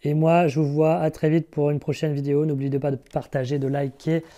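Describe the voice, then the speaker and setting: A man's voice: fairly high pitch, little pitch movement, a little fast, dark tone. A man from France working as a recruiter, giving direct, chatty job interview advice straight to his viewers in a casual video.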